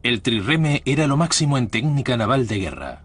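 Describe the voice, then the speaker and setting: A man giving a scripted documentary voice-over with a measured, formal delivery, recorded on a studio mic. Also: medium pitch, very animated, a bit bright, husky. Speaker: documentary narrator.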